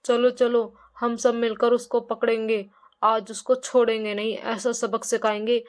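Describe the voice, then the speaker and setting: A woman's voice: a little high, little pitch movement, a little slow, natural voice. A woman voicing an angry father who gives urgent commands.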